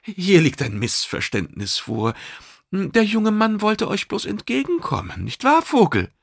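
A man's voice: high voice, wildly swooping pitch, a little slow, creaky, husky, no room sound, studio quality, voice pushed up, exaggerated voice. A man voicing a diplomatic male mediator who soothes both sides in an audiobook.

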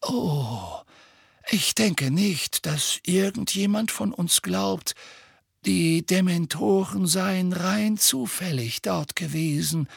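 A man voicing a calm, wise old headmaster who speaks quietly and deliberately, in an audiobook reading. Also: high-pitched, vocal fry, husky, dry recording, clean studio sound, pitched above the performer's own voice, full character voice.

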